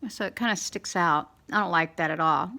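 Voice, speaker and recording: A middle-aged woman with a slight lisp, talking candidly in a halting, rambling way as in a casual video diary. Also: lowish voice, gravelly, sharp tone. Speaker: dental implant patient vlogger.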